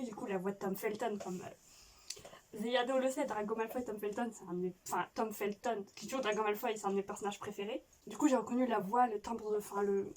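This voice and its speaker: A woman YouTuber chatting casually as she plays a quiz game, rambling and restarting her sentences. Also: on the high side. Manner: chatty, rambling, self-justifying with frequent restarts. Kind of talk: casual reaction chat. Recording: voice a bit distant from mic with faint noise.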